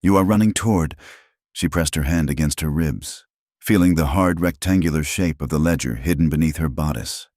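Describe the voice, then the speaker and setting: Very deep male audiobook narrator. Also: steady tone, a little mellow, no room sound, clean studio sound. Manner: measured, dramatic.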